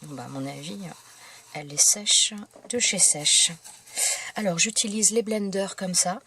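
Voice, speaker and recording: A woman hosting a crafting tutorial, explaining each step in a casual, unhurried way while she works, often pausing to search for words. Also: lowish voice, animated, bright, forceful tone, slight background noise. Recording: clicking noises behind.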